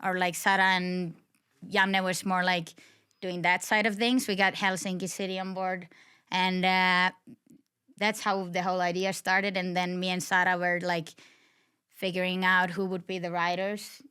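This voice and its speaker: A woman's voice: on the low side, normal speed, clear, resonant tone. A young woman from Finland, a guest on a podcast, chatting casually with lots of fillers. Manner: relaxed, uses filler "like" often. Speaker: guest snowboarder.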